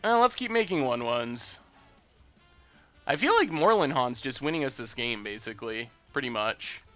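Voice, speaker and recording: In a mid-range, animated voice at a moderate pace, a man comments on his card-game plays during a live stream. His tone is bright and forceful as he chats cheerfully and replies to viewer messages. The recording is dry, with faint music behind.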